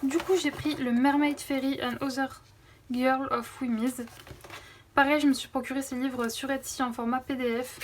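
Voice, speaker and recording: In a casual haul vlog shot on her phone camera, a young woman speaks at normal speed in a high, fairly flat voice, enthusiastically going through coloring books with many filler words. There's slight background noise.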